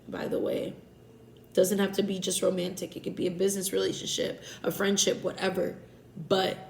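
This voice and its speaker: A woman with a stuffy nose giving a relaxed, rambling tarot reading, often correcting herself mid-sentence. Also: mid-range voice, roomy sound, low-quality recording. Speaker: tarot reader.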